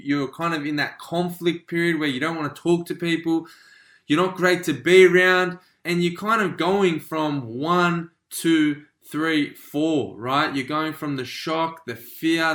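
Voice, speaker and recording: A man hosting a motivational podcast, energetic, often tagging lines with "right?" and acting out quoted feelings. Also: on the high side, reverberant. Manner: energetic, repeats "right?" and "you know". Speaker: podcast host, life coach. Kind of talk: motivational talk.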